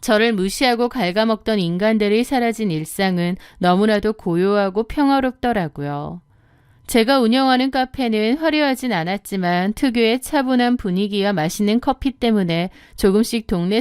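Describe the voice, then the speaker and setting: A woman's voice: mid-range voice, lively intonation, moderate pace, darkish tone, smooth, no room sound, clean studio sound. Woman narrating a first-person audiobook. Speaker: storyteller.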